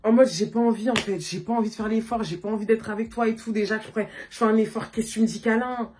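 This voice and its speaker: A woman vlogger telling a story in a casual, animated way, talking loosely and full of filler words, recorded on a phone. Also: on the high side, quick pace, background noise. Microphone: phone camera.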